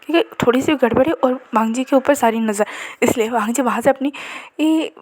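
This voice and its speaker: A woman narrates a story casually, chatting along and often dropping into a hushed, whispery delivery. Her voice sits a little high with a husky, breathy grain. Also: a little fast.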